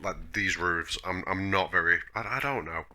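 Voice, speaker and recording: A man's voice: sits low, normal speed, sharp tone. A man giving a casual, rambling gameplay tour as host, self-deprecating and a little grumbly, sounding chesty from a cough. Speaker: host of a gaming video.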